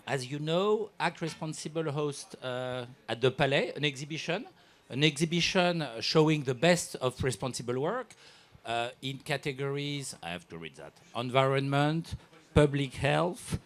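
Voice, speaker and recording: A man's voice: mid-range voice, lively intonation, a little slow. A man introducing part of an awards ceremony, speaking loosely and searching for words. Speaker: ceremony presenter.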